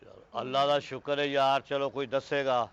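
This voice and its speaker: A man playing a calm, concerned village man who speaks in a measured way. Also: medium pitch, clean tone, natural voice. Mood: grave. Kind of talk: comedy sketch acting. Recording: dry, dull lo-fi recording.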